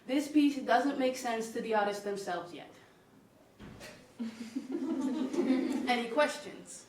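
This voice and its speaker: A woman performing as a pompous fake scholar with a put-on theatrical accent, lecturing in deadpan mock authority. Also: a little high, slow, background noise. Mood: grandiose. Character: pompous fake male scholar, loud, smug. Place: echoey school exam room. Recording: echoey room, mic from far off.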